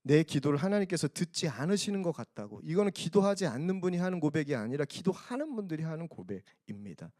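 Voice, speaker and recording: A male pastor preaching a sermon, often asking the congregation questions, moving between loud emphasis and hushed, almost whispered lines. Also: on the high side, sing-song, quick pace, hardly any pauses, no room sound, clean studio sound. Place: large church hall.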